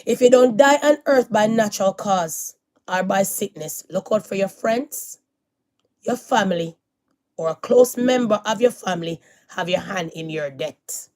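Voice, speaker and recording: A middle-aged woman, talking to her viewers in a casual, preachy monologue. She repeats her phrases for emphasis and moves from loud declarations to hushed warnings. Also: mid-range voice. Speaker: vlogger.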